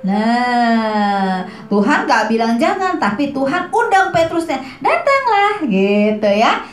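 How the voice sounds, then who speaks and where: A woman's voice: a little high, slow, echoey room, soft background music. A woman teaching children in a Sunday school, telling a Bible story and acting out the voices as she goes. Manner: lively storytelling, acting out voices, asking kids questions.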